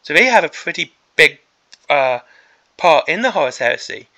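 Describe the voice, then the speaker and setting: A male hobby host talks off the cuff in a somewhat high, sharp-edged voice that is beginning to give out. He rambles emphatically, circling back to repeat his points as he delivers an opinionated rant. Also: big pitch swings, normal speed, rough recording. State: voice starting to give out.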